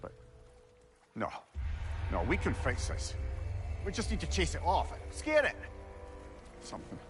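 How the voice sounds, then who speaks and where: An actor voicing a talkative, wry older male companion in a video game, with an excitable manner. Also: fairly high pitch, moderate pace, music in the background.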